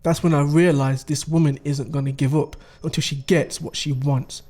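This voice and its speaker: Speaking at normal speed with fairly even intonation, a man with a higher, slightly mellow voice gives a lightly acted performance. His character, a scheming middle-aged father, gravely and confidingly walks through his wife's crimes in a dramatic audio story's dialogue.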